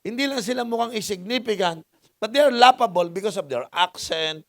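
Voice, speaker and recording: A man's voice: high-pitched, animated, fairly quick, no room sound, studio quality. A middle-aged man from the Philippines with a Filipino accent, preaching a sermon. He mixes in English, asks the congregation for answers and jokes with them. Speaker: pastor. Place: church hall.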